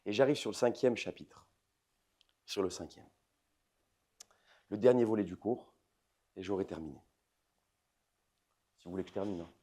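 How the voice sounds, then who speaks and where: Emphatic man lecturing, dark mellow voice. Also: on the low side, moderate pace, long pauses, breathy edge. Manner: swings between loud emphatic outbursts and soft intimate asides; addresses the audience directly with questions. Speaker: rabbi giving a lecture. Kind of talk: lively religious lecture to an audience.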